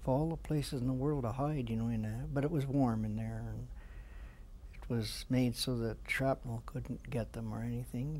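Mellow old Canadian veteran remembering. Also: male voice, medium pitch, slight background noise. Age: 70s. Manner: old veteran remembering, halting and plain-spoken. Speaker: war veteran being interviewed. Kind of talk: veteran's reminiscence in an interview. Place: small indoor room with flags. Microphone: lapel mic.

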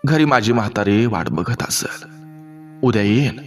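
A man voicing an injured, lost old villager, speaking slowly and wearily. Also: on the low side, lively intonation, faint music behind. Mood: pained, weary. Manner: slow, weary and pleading.

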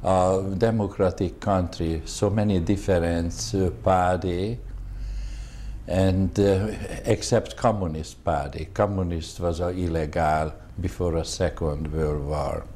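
A Hungarian-accented man in his seventies speaks English slowly in a very low, dark, mellow voice. He halts often and searches for words, and he stays polite throughout. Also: steady tone, slight background noise. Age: 70s. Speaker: veteran interviewee. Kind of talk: oral history interview.

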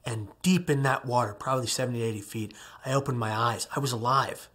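A husky-voiced man gives a personal testimony talk. His pitch sits in the middle for a man. He tells his story earnestly, dropping to near whispers and then rising with strong emphasis. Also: steady tone, quick pace, fairly bright tone. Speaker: speaker telling his survival story.

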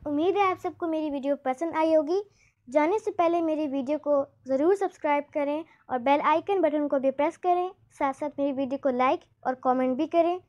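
A woman hosts a vocabulary lesson, slowly and deliberately repeating each English word as she teaches it. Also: sits high, darkish tone, muffled recording. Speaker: channel host teaching English pronunciation. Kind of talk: slow, careful vocabulary lesson.

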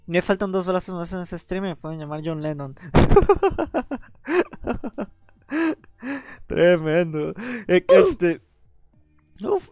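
A man with a Mexican accent chatting excitedly on a gaming livestream while he has a cold, often stammering over repeated words. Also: on the high side, no room sound. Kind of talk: casual gaming livestream chat.

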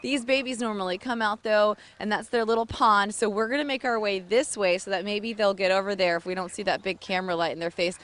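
A woman in her thirties reporting live for morning news from a farm with a handheld mic, bubbly and quick to laugh. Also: mid-range voice. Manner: bubbly, laughs often, excited exclamations. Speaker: field reporter. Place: outdoors on a small farm.

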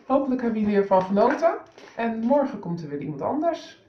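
Woman, teacher, reading aloud to children, lively storytelling, muffled roomy recording. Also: a little high, slight background noise. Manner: slow, lively, expressive storytelling.

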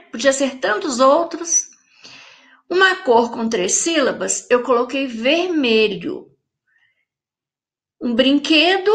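A woman's voice: high-pitched, fairly bright tone. A woman with a Brazilian Portuguese accent teaching a remote lesson to young children, speaking patiently and stretching words out syllable by syllable while she repeats the rules and checks in with the class. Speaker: primary school teacher.

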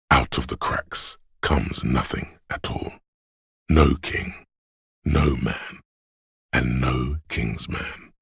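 The mood is ominous as a male voice actor, with an extremely low, husky, deeply rasping voice, speaks as the grave inner voice of a battered detective's body in a video game. His scripted second-person narration is heavily acted, measured, and stoic, each line delivered deliberately. The sound is studio quality, free of room sound.

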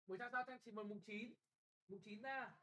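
Young man, classroom exam tutor; brisk, blunt, keeps checking if students follow. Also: high voice, pushed and bright, rough recording. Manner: brisk and bossy, often checking "got it?". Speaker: English tutor.

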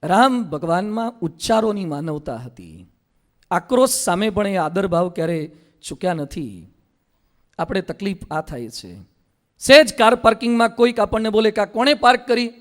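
A monk preaches a sermon in a notably high voice. He tells stories briskly and slips into mimicking ordinary people to make his points. He drops into a slower, chant-like delivery for scripture verses. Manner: lively storytelling with mimicry of everyday people.

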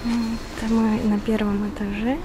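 A Kazakh woman vlogger, speaking fairly high and a bit slowly in a flat way, strolls through a large school building, its rooms and corridors and partly outdoors, chatting to viewers. She explains things with little laughs and filler sounds in casual walking-vlog narration. She stays off screen, filmed on a handheld camera whose recording carries clear background noise.

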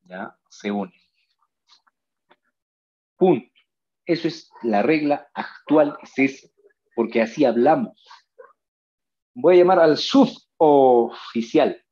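A man's voice: medium pitch, expressive, takes it slowly, pauses often, dark tone, breathy edge, lo-fi sound. A man teaching a pre-university grammar lesson. He speaks in a coaxing way, repeats his key points and calls the students "nene".

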